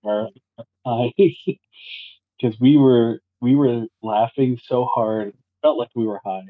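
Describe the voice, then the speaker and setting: A man's voice: medium pitch, steady tone, takes it slowly. Man on a tinny phone-like line. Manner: laughing, easygoing storyteller. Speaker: podcast guest. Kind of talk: casual storytelling.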